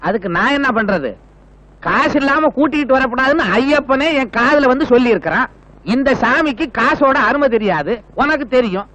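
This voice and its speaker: A man's voice: very high voice, expressive, normal speed, a bit bright. An actor playing a greedy, money-minded male guru who talks to pilgrims with scorn, in 1980s film dialogue. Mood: scornful. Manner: scornful, mocking.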